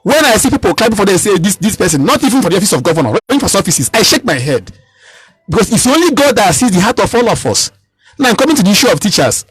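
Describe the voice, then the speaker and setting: A man's voice: high-pitched, sing-song, fast, a bit bright, rough recording. A man in his thirties with a Nigerian accent, speaking as a political candidate in a radio interview, emphatic and given to repeating and restarting his phrases. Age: 30s.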